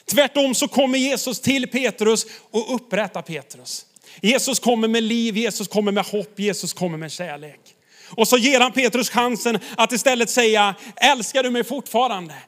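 A man's voice: very high-pitched, fairly bright tone. A man preaching a sermon, retelling a story with emphasis and turning to the listeners directly.

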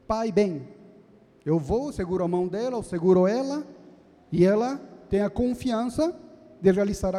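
Deacon, Brazilian man in his 30s, earnest teaching sermon; high voice, long echo of a church hall. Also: warm tone. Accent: Brazilian Portuguese. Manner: earnest, teaching tone, asks the congregation for assent. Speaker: deacon preaching.

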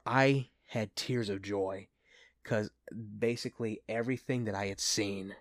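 A man with a fairly low voice gushes like an excited fan as he hosts a casual movie review. The sound is dry and close, with no room echo. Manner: enthusiastic, gushing fan talk. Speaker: host of a movie review show.

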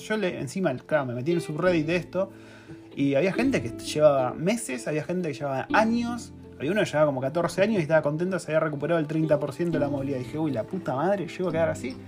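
A man in his thirties with a Rioplatense Spanish accent, telling a story in a casual, slangy, self-mocking way as a podcast co-host. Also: on the high side. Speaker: podcast co-host, course creator. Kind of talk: casual chat.

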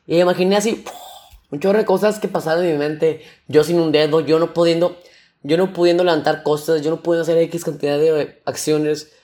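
A young man with a Mexican accent telling stories on his solo podcast in a slangy, animated way, imitating sounds with his mouth. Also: on the high side, a little fast. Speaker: podcast host. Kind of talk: casual solo podcast storytelling.

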